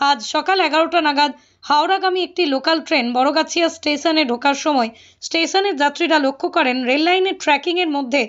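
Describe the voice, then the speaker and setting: A woman reading a scripted news voice-over in a steady, formal manner. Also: high voice, lo-fi sound. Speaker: news reporter.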